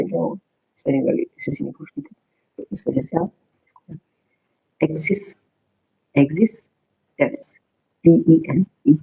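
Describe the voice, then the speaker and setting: A man's voice: fairly high pitch, creaky, mellow, slightly rough, poor audio. A man teaching an exam-prep spelling lesson, repeating each word, spelling it out letter by letter and explaining its meaning to viewers.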